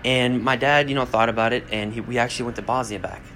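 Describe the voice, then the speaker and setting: Talking fast in a pushed, bright, medium-pitched voice, this young American podcast host keeps his intonation fairly even. His casual motivational monologue is blunt and rambling, peppered with swearing, and a little hiss or hum runs underneath.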